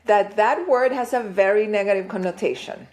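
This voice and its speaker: A woman's voice: medium pitch, moderate pace, a little mellow. A woman from Chile as a podcast guest, talking in a thoughtful, reflective way and often tagging "right?" on her points. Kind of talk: casual interview chat.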